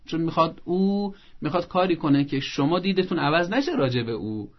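A man's voice: on the high side, very animated, highs cut off. Man giving didactic parenting advice. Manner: didactic, lays out points one by one; acts out parents' lines in a soft coaxing voice. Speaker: parenting expert guest. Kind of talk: advice talk on a show.

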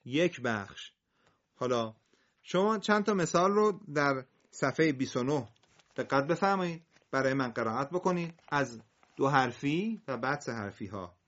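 A man's voice: mid-range voice, lively intonation, fairly bright tone, muffled recording. A man teaching a Quran recitation class, drawing out vowels as he models words for his students. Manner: drawn-out, sung vowels when modeling words. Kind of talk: classroom lesson.

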